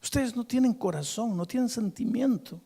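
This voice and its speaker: A man's voice: medium pitch, steady tone, measured pace, slightly rough. A man preaching, acting out a grieving father who lashes out bitterly and begs through tears. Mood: anguished, accusing. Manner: bitter shouting, then sobbing pleas. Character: grieving angry middle-aged father.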